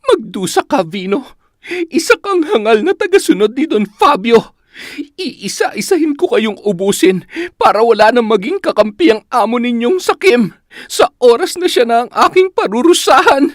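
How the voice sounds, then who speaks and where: A voice actor playing a cruel, vengeful female sorceress who speaks slowly and menacingly with cackling laughter. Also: mid-range voice, sing-song, no echo, studio quality, close to an everyday voice.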